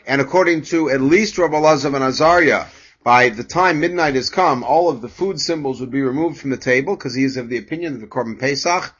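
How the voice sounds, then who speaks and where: A man teaching a measured lecture on a religious text, explaining passages and reading Hebrew aloud. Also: on the high side, a bit bright, breathy edge, muffled recording. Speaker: Torah teacher.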